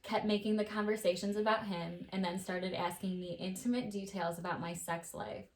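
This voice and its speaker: A woman co-hosting a podcast, a mother telling stories in casual chat, animated and swearing freely. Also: medium pitch, moderate pace, slight background noise. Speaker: podcast co-host.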